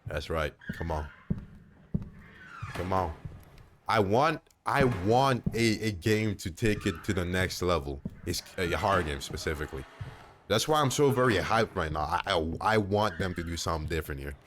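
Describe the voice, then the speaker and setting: Deep-voiced young man reacting to a game. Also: normal speed, noisy background. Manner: animated, talks back to the game, exclaims and repeats himself. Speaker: gamer playing a horror game. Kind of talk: let's-play commentary.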